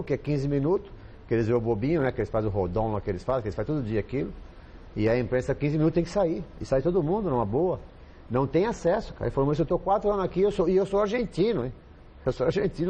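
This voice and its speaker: A man's voice: on the high side, mellow, highs cut off, a little hiss or hum. A man with a Brazilian accent, a football coach guest chatting casually on a TV panel, rambling and repeating himself with lots of fillers. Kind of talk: casual studio chat.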